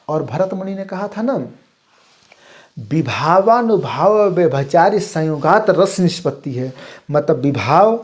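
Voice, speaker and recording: A man's voice: fairly high pitch, a little mellow. Hindi teacher man checking his class. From India. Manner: repeats "ठीक ना?" to check the class, stresses each term; reads lists of terms slowly and clearly. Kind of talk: exam-prep lecture.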